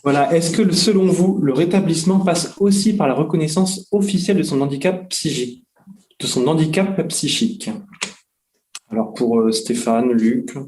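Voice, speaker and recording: A man moderating a webinar, reading out audience questions with a halting delivery. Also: on the high side, a little mellow. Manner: halting, stumbles over words.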